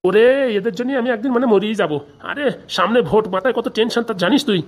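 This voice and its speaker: A woman's voice: fairly high pitch, lightly acted. A woman voicing a bickering, grumbling middle-aged male politician husband in a comic cartoon. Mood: exasperated. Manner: grumbling, exasperated, quick retorts.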